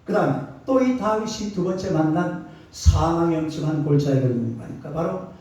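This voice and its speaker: Animated pastor in an echoey sanctuary. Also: male voice, fairly high pitch, moderate pace. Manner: animated call-and-response preaching, colloquial and emphatic. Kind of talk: sermon. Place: church sanctuary. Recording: distant, echoey, dull church recording.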